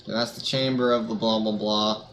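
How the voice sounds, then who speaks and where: A man's voice: on the low side, level tone, normal speed, fairly bright tone, a little hiss or hum. A man streaming a video game, giving casual, sarcastic, joking commentary.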